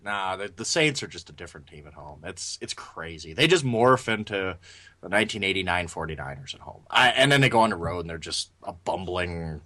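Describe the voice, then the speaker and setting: A man with a fairly low voice talks sports on a casual podcast. His intonation moves up and down with a lot of life. He trips over his words and restarts often, keeping a loose, opinionated tone. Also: a little fast. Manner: animated, stammering restarts. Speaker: podcast co-host.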